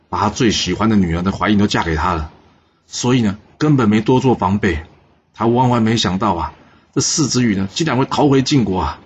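A low-voiced man narrating a historical tale, tossing in chatty asides to the listener as he goes. The recording sounds slightly dull, with faint hiss underneath. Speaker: storyteller.

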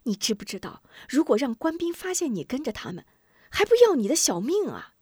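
A woman voicing a worried widowed mother who scolds her son in a hushed voice. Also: medium pitch, very animated, moderate pace, no echo, clean studio sound. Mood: hushed worry.

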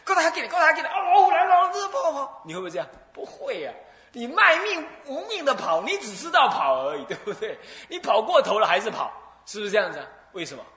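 Animated monk telling stories. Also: male voice, high voice, echoey room. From Taiwan. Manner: animated storytelling, acts out dialogue, laughs often. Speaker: Buddhist abbot and lecturer. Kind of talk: Buddhist sermon.

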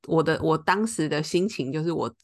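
A woman's voice: low voice, fairly quick. A woman, co-hosting a podcast and telling a story in casual chat, acting out the lines of the people in it. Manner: animated, acts out quoted lines. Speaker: podcast co-host.

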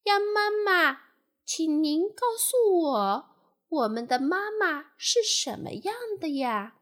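A woman voicing a group of tiny, eager tadpole children searching for their mother, calling out high and loud. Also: lively intonation, takes it slowly, exaggerated voice.

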